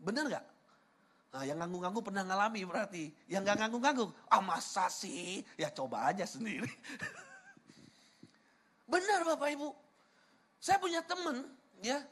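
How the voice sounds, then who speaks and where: A man's voice: sits high, sing-song, normal speed, pauses often, fairly bright tone, breathy edge. A man from Sumatra preaching a sermon, firing rhetorical questions at the congregation and telling humorous personal stories in a chatty way. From Sumatra, Indonesia. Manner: asks the congregation rhetorical questions and addresses them directly.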